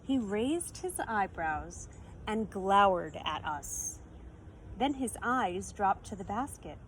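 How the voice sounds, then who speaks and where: A woman storyteller reads a children's picture book aloud expressively, taking a teacherly approach by explaining words and asking her listeners questions. Her medium-pitched voice is slightly bright, swings widely in pitch, and moves slowly. The recording is low quality, with faint background noise.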